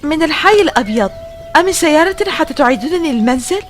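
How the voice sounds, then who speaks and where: A woman's voice: high voice, animated, fast talker, a little hiss or hum. A woman in her twenties playing a puzzled modern young woman lost among ancient Romans in an audio drama. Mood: bewildered. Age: 20s. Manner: puzzled, questioning.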